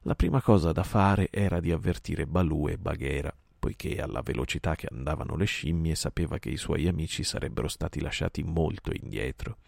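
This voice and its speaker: A man narrating a classic story in a calm, steady night-time reading. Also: rumbling low, a little fast, creaky, few pauses, no echo, studio quality.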